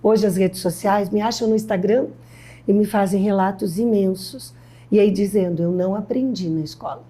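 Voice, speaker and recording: A woman's voice: mid-range voice, dark tone, husky. A woman in her sixties from Brazil, a guest educator in an interview, telling stories emphatically and acting out quoted dialogue. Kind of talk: interview conversation.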